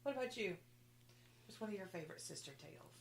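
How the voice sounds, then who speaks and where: A woman's voice: medium pitch, animated, fast talker, a little hiss or hum. A woman asking short prompting questions and laughing along as a co-host in a casual chat.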